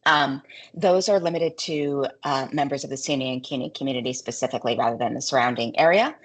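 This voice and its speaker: A woman speaking in a measured way with some fillers during an online information session over a video call. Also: very deep voice.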